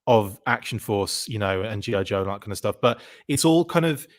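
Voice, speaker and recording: A man's voice: fairly low pitch, lively intonation, a little fast. A man in his forties, a podcast guest, telling childhood stories in casual chat, full of fillers and restarts.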